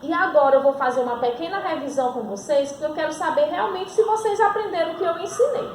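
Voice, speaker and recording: In an echoey room, a school teacher with a Brazilian Portuguese accent gives a recorded grammar lesson, posing her own questions, answering them, and drawing out example words. Her voice is high-pitched and slightly mellow, her pace quick, with a faint hiss or hum.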